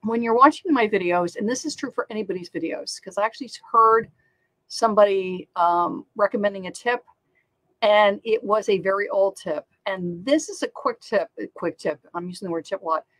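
A woman's voice: mid-range voice, normal speed, a bit bright, no echo, poor audio. A middle-aged woman hosting a channel on online selling, talking casually and upbeat with many fillers and repeated words. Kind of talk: casual talk to camera.

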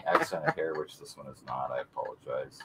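A man's voice: very deep voice, huge pitch swings, brisk, gravelly, fairly bright tone, a little hiss or hum. A man hosting a live coin auction, joking and reading bids from chat. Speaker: auction host. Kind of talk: casual live auction banter.

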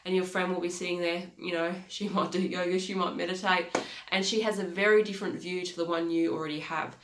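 Over a noisy background, a woman in her thirties with a lowish, congested, nasal voice gives a brisk motivational talk as a life coach, her delivery flat yet earnest. She repeats key phrases and gestures with her hands in a small, echoey home office.

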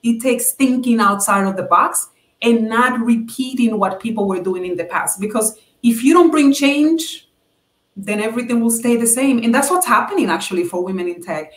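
A woman's voice: fairly high pitch, normal speed, fairly bright tone, roomy sound. A woman answering interview questions in an earnest, advice-giving way with many fillers. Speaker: guest.

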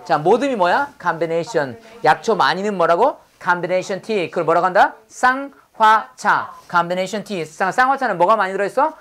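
A woman's voice: on the low side, lively intonation, moderate pace, hardly any pauses, a bit bright. A woman teaching English vocabulary in a classroom drill lecture. She repeats each word, prompts the class to echo it, and slips in corny puns. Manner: drops in corny pun jokes.

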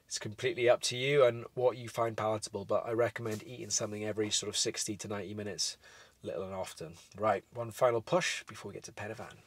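A man's voice: on the low side, fast, few pauses. Young man chatting from a parked car. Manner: relaxed, explanatory, frequent fillers. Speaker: hiking vlogger. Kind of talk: casual talk to camera. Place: parked vehicle, indoors.

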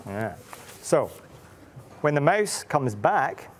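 A man's voice: on the high side, sing-song, takes it slowly, noisy background. Playful man reading to kids. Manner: playful, asks children many questions. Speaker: author and illustrator reading to children. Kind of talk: reading aloud to children.

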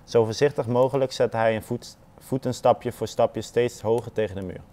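A man reading a children's story aloud in a calm, unhurried storybook manner, with soft muttered asides. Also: medium pitch.

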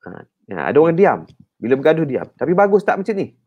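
A man with a Malaysian accent, a counselor guest on a radio talk show, explaining in an animated, teacherly way with frequent "ha" and "kan" tags, in a radio studio. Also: fairly high pitch, fast talker, slightly rough, lo-fi sound.

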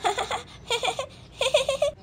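A woman's voice: extremely high pitch, extremely slow, fairly bright tone, pitched above the performer's own voice, heavily acted. A woman voicing a crying, giggly toddler girl in a doll story, in whiny baby talk.

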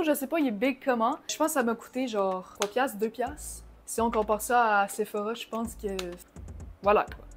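A young woman with a Québécois French accent chatting casually through a shopping haul vlog, slipping in English slang and swears. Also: on the high side. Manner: bursts of excitement. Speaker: vlogger.

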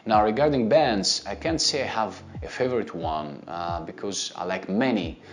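Speaking to camera from a studio with a plain grey backdrop, this thirtysomething man from Greece has a Greek accent and a lowish voice at a moderate pace. He moves his hands as he casually explains guitar answers to viewer questions, step by step, filler-heavy and relaxed. Gentle background music runs under the speech.

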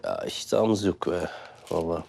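A man's voice: low voice, moderate pace, vocal fry, a little mellow, a little hiss or hum. A young man playing a glum, sympathetic young soldier in a TV series, sighing and mournful, with faint music behind. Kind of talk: TV series acting.

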